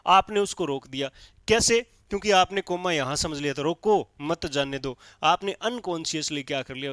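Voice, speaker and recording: A man's voice: a little high, a bit bright, no room sound, clean studio sound. A male teacher giving a classroom lecture in speech, explaining step by step and checking in often with his listeners. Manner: explains step by step with frequent checks like "theek hai".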